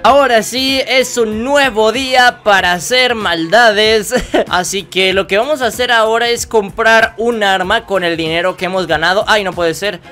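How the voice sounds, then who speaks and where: A man hosts a let's-play, keeping up a jokey, excitable running commentary and yelping whenever the game turns on him. His voice sits high and bright with a sharp edge. Faint music plays behind him. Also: normal speed. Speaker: gaming video host.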